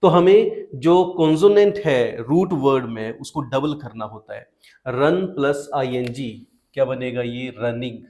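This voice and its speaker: Slow, patient male teacher. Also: medium pitch, a little mellow. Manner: slow, patient, asks questions then answers them. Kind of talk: explaining spelling rules to students.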